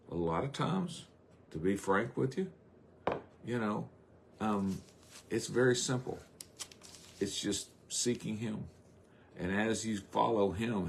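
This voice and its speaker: A middle-aged man, preaching a folksy, rambling sermon on a live stream with drawn-out emphasis. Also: deep voice, a little mellow, slight background noise.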